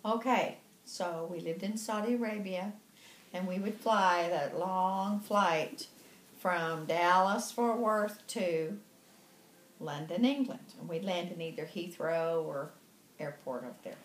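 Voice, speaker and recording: A woman's voice: lowish voice, slow, reverberant. A woman with a Texan accent from the Panhandle, telling a personal anecdote with amusement and laughter. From Texas Panhandle. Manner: amused, laughing as she tells it. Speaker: storyteller.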